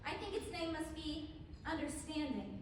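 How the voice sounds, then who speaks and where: A woman's voice: sits high, sing-song, moderate pace, noisy background. A teenage girl playing Alice, an earnest and defiant young girl, in a school stage play. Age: teens. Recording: echoey hall from far off.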